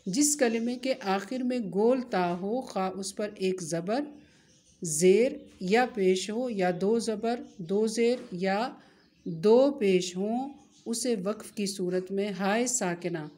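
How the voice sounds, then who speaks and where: A woman's voice: mid-range voice, takes it slowly, warm tone. A woman with an Urdu-speaking accent teaching a religious lesson, patiently explaining each rule and asking rhetorical questions that she then answers herself. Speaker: Quran recitation teacher. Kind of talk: explanatory lesson with recited Arabic.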